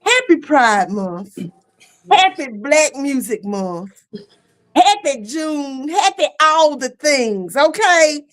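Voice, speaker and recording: A middle-aged woman hosting a casual online talk show, lively and laughing, with easy "y'all" talk. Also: sits high, takes it slowly. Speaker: host. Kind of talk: casual chat. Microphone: streaming setup.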